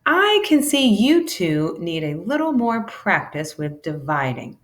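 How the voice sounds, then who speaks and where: A teacher reads a children's book aloud, expressive and animated as she acts out the dialogue. Her voice is mid-range and unhurried.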